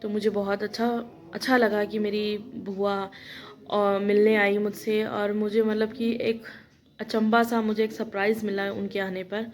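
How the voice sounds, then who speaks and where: A woman's voice: mid-range voice, level tone, a little slow, low-quality recording. A young woman vlogging in casual chat, emotional and talkative, often addressing her viewers directly. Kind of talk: casual vlog talk.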